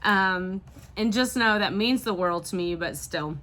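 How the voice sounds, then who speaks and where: A woman's voice: mid-range voice, expressive, measured pace, pushed and bright. A woman from the Midwest, a part-time reseller, chatting casually to camera while sniffly with a tickly throat. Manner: chatty and apologetic, with small laughs.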